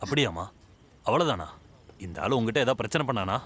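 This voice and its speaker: An actor playing a gruff middle-aged policeman who talks bluntly and scolds. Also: medium pitch, lively intonation, quick pace, a bit bright. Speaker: police officer.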